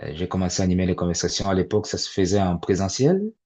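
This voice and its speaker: A man's voice: deep voice, lively intonation, very fast, a little mellow. A man in his forties speaking to parents in a webinar, with a hesitant delivery full of fillers and repeated words. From immigrant to Canada. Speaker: webinar facilitator. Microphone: video call. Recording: dull lo-fi video call audio.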